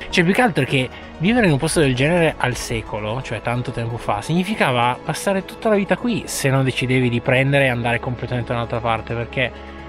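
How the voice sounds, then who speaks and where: A man's voice: mid-range voice, lively intonation, a little fast. A man, talking casually as a vlogger outdoors on a hike. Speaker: hiking vlogger. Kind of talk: casual vlog chat. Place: outdoors on mountain trail. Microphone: action camera at arm's length. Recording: music behind outdoor talk.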